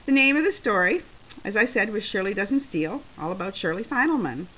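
A woman reading a short story aloud in a lively, expressive way. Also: mid-range voice, a little fast. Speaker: reader. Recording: slightly dull with faint hiss.

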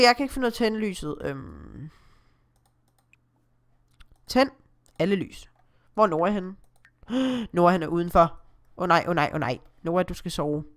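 A woman with a Danish accent and a voice on the low side hosts a Let's Play, chatting casually through her own gameplay. She reads the screen aloud and exclaims often.

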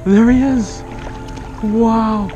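Out on the open sea, a young kayaker records outdoor vlog commentary through an action camera attached to his kayak. Born in Kansas and raised in Oklahoma, he talks extremely slowly in a mellow voice with fairly even intonation, yet bursts into breathless, awed exclamations that often climb high. The sound is dull, and soft music plays underneath.

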